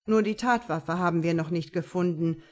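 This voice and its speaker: A woman's voice: fairly low pitch, moderate pace, darkish tone, lightly acted. A woman reading an audiobook, voicing a male police investigator in a formal, matter-of-fact way.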